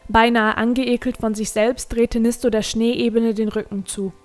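A woman narrating a fantasy novel in a calm, measured reading voice. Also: fairly high pitch, soft background music. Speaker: audiobook narrator.

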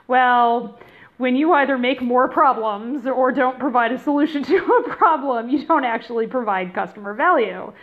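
Here a woman with a high-pitched voice talks at a moderate pace, hosting an easygoing educational podcast and speaking straight to her audience. Headphones serve as her microphone in a rental-house room, leaving the audio thin, like a phone call.

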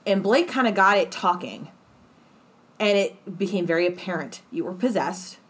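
A woman telling a story in casual chat, animated and swearing freely. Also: on the low side, moderate pace, breathy edge.

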